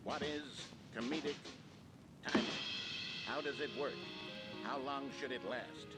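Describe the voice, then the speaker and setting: An actor playing an upbeat male instructional video announcer, with a brisk, cheerful presenter delivery. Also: medium pitch, steady tone, lightly acted. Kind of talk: mock instructional video narration. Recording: loud music bed under the voice.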